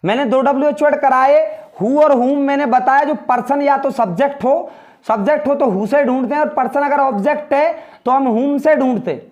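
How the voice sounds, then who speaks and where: A man teaching English grammar in Hindi, explaining step by step and repeating key words, saying the English sentences slowly. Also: extremely high pitch, a little mellow, dull audio. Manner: often addresses students as brother. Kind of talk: classroom grammar lesson in Hindi.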